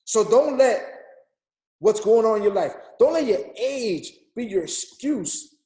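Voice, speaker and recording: A motivational speaker in his thirties urges listeners on a group call like a preacher, his talk emphatic and repetitive. His high-pitched voice is mellow with lively intonation, a little slow, and reverberant.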